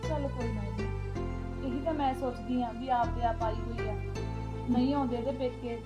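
A woman's voice: fairly high pitch, steady tone, moderate pace, music in the background, natural voice. A woman playing a soothing young Punjabi daughter-in-law. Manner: soft, placating. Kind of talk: village family drama acting.

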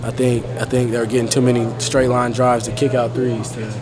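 A young man in a postgame press scrum, answering reporters in a subdued, halting way with lots of fillers, recorded on phones held close. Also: medium pitch, level tone. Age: young adult. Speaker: college basketball player. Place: crowded arena interview area, curtained backdrop. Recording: crowd noise behind the voice. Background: crowd chatter.

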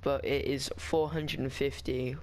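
A man's voice: medium pitch, level tone, unhurried, a little mellow, slight background noise. A man talking casually over a game walkthrough, rambling and chatty with frequent restarts. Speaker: gaming guide maker.

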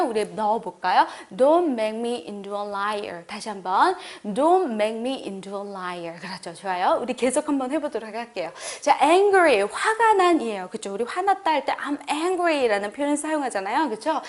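Higher-voiced Korean English teacher. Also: female voice. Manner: slow, drawn-out model phrases for repetition; frequent "그쵸?" check-ins with the learner. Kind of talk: online English lesson.

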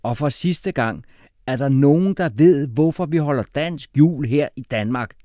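A man voicing an exasperated male schoolteacher who shouts and gets flustered. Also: medium pitch, animated, no echo, studio quality, voice pushed up, close to an everyday voice.

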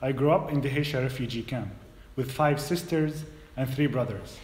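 Palestinian man telling his story in a hall. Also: medium pitch. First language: Arabic. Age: 30s. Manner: measured, hesitant at first then steady storytelling. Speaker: guest speaker. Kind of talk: personal story talk. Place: church hall. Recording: roomy hall echo.

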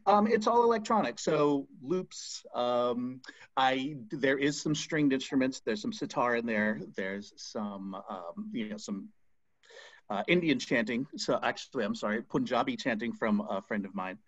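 A man's voice: mid-range voice, lively intonation, a little slow, no room sound. A man in his forties, a spoken word artist, talking as a guest in a casual video-call interview from home, hesitant with many ums and restarts. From United States. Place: home room, seated on a couch. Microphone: video call webcam. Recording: dull lo-fi call audio.

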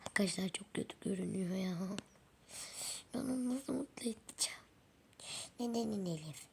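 A woman's voice: medium pitch, a little fast, vocal fry, slight background noise. A woman playing a game role-play, eager and doting, dropping to a whisper for asides to viewers.

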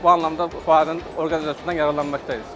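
A man's voice: a little high, level tone, music in the background. Hesitant middle-aged man at a trade booth. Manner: hesitant, many filler pauses. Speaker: company representative. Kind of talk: trade fair testimonial. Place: trade fair booth, indoors.

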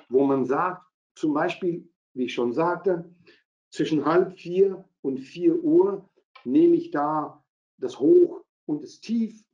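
A middle-aged Belgian man with a Flemish-tinged accent talks through a trading strategy on a video call. His voice sits a little high and comes through dull, lo-fi webinar audio. He pauses often with fillers, searching for German words. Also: a little mellow. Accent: Belgian Dutch. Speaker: trading presenter. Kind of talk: live webinar presentation.

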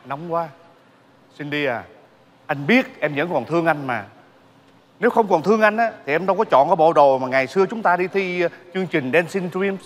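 A man's voice: fairly high pitch, animated, a little fast, a little hiss or hum, close to an everyday voice. A man playing a remorseful husband begging his wife's forgiveness in a stage comedy sketch, pleading and melodramatic. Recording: live stage mic with music and audience.

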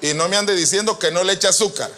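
A man preaching a sermon to pastors, animated and joking with the congregation, swinging from loud to soft. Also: high-pitched, fast talker, a little hiss or hum. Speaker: apostle preaching. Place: church retreat hall.

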